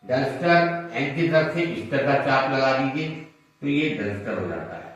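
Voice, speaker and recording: A man's voice: medium pitch, lively intonation, a little slow, a bit bright, highs cut off. A man teaching shorthand, explaining each stroke patiently and step by step. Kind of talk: classroom lesson at a board. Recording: echoey room, mic far off.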